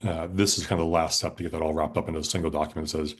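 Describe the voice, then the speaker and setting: Committee lead: low, very deep-voiced man, orderly, explains step by step in a meeting room. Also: little pitch movement, very fast. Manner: orderly, walks through schedules and bids step by step.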